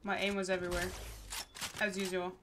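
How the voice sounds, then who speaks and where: A young Dutch woman from the Netherlands with a Dutch accent streams a game, chatting casually, laughing, and reading her chat aloud. Her voice is on the low side and a little fast, with a completely flat delivery, and background noise is clearly present.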